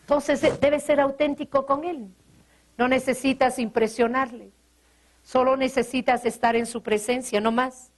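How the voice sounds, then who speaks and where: A woman pastor preaching a sermon, earnest, asking rhetorical questions and quoting scripture, slowing and softening on tender lines. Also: sits high.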